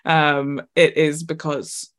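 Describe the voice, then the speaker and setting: A woman co-hosting a podcast in casual chat, talking in quick asides and laughing often. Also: low-pitched, flat delivery, a bit bright. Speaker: podcast co-host.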